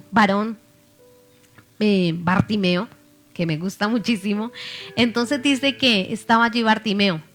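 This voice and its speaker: Woman preaching a sermon over faint music. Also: a little high. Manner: reads scripture aloud, then asks the listeners questions.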